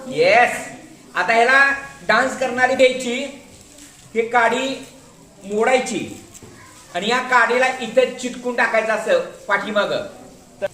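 A man's voice: high voice, fairly bright tone, a little hiss or hum. Man teaching a craft class, echoey room. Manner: patient, repeats instructions and keeps calling attention to the demonstration. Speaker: school teacher. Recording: roomy classroom echo.

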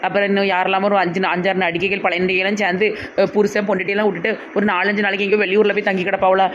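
Excitable Tirunelveli man, high and fast, lo-fi sound. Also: a little hiss or hum. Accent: Tirunelveli Tamil. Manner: excitable and complaining. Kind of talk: comedy sketch acting. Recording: dull lo-fi sound.

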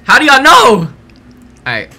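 A man's voice: extremely high pitch, huge pitch swings, unhurried, pushed and bright, slightly rough. A man vlogging a food challenge in casual, slang-heavy talk, swearing often. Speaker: vlogger trying food combos. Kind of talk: casual chat. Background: goofy background music.

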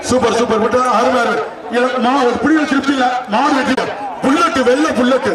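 A man with a Tamil Nadu accent giving excited live event commentary over a loudspeaker, shouting repeated calls and urgings as announcer. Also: very high-pitched, fairly quick. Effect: amplified through loudspeaker PA. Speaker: live event announcer at a bull-taming contest. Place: outdoor arena with loud crowd behind. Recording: echoing outdoor PA, distant, loud crowd.

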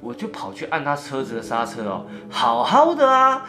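A man with a Taiwanese Mandarin accent telling a first-person ghost story in an animated way, acting out the scenes. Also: medium pitch, moderate pace, soft background music.

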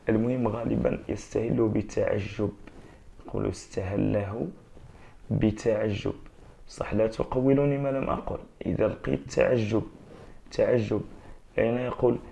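A man with an Algerian Arabic accent, a teacher giving an exam revision lesson, dictating answers slowly and often checking that students follow. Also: fairly low pitch, gravelly, darkish tone. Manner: slow, drawn-out dictation of answers, frequent checks of understanding.

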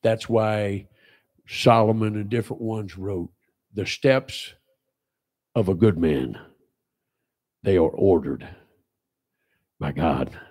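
Man in his sixties, pastor, emphatic sermon, repeated phrases, loud then low, small church. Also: slow pace, pauses often, husky. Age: 60s. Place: small church sanctuary, indoors.

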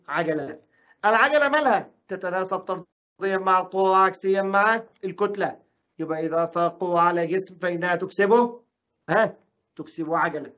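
A brisk male teacher with an Egyptian Arabic accent races through a physics lesson. He fires questions at his students and answers them himself, even voicing their objections. The recording sounds dull and lo-fi. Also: high voice.

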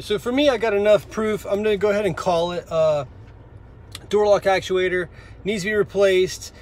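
A man in his thirties, an auto technician, explains a repair one step at a time in an easygoing how-to style. He's in a parked car, speaking into a phone held close, with a high voice and a darkish tone.

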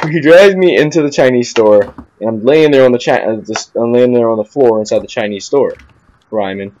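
A man's voice: medium pitch, moderate pace, a little mellow, dull audio, slight background noise. A young man telling a rambling story in casual chat, repeating "I'm like" and laughing at himself. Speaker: podcast co-host.

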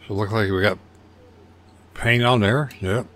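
A man's voice: lowish voice, steady tone, normal speed, fairly bright tone. An older man casually narrating his model car build over photos, rambling and folksy with a self-deprecating humor.

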